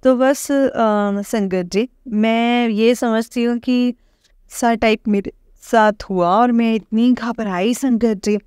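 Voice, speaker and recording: A woman tells her testimony to a congregation in an earnest, anxious way, halting often with fillers and addressing her listeners again and again. Her voice is smooth and clear. It is recorded close and dry, with no room sound. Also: a little high, steady tone, darkish tone, no echo. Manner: halting, with many fillers and restarts. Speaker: devotee sharing a testimony. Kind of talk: personal testimony told to a congregation.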